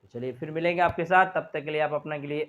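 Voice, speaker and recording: A man gives an English lesson in a slightly high voice. He repeats words and single sounds over and over to drill pronunciation. The audio is narrow and tinny, like a phone line. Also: fairly even intonation, quick pace, a bit bright. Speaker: English teacher. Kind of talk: classroom-style grammar lesson.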